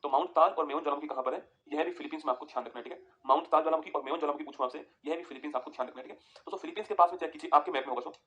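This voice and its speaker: A man teaching a geography lesson over a map, talking quickly and repeating points for students to write down. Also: on the high side, fairly bright tone, dull audio. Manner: rapid, repetitive, tells students to write points down.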